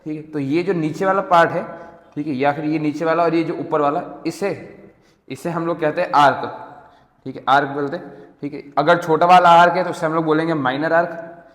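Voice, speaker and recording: A man's voice: fairly high pitch, fairly even intonation, fairly quick, a bit bright. A young man teaching math in a casual lecture, often asking a question and answering it himself. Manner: repeats questions and answers them himself, keeps checking in with "theek hai". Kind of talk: casual Hindi-English lecture to students. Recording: echoey room with long reverb.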